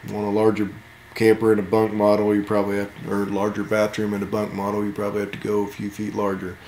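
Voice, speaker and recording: A man's voice: on the low side, monotone, fast talker, darkish tone, echoey room, slight background noise. A man casually walking through a camper as an RV channel host, joking and laid-back in his asides. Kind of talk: casual walkthrough commentary. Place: inside a camper at an RV show.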